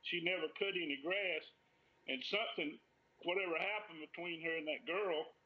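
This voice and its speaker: A man's voice: a little high, moderate pace. Older Alabama man, dull video-call sound. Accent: Alabama Southern American. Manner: plain-spoken, folksy, blunt. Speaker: interview guest, farmer. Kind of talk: earnest interview testimony.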